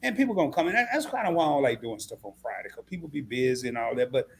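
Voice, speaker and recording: A man in his forties from Southeast Arkansas, hosting a live stream interview with animated, chatty storytelling. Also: mid-range voice, racing. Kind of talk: casual interview chat.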